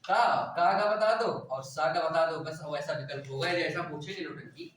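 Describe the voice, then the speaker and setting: A man with a fairly high voice teaches a class, posing questions and answering them himself. He keeps checking in with the listeners. The recording is very echoey, and his voice comes from some distance from the microphone. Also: moderate pace, fairly bright tone, slight background noise. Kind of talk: classroom lecture. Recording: echoey room, voice from far off.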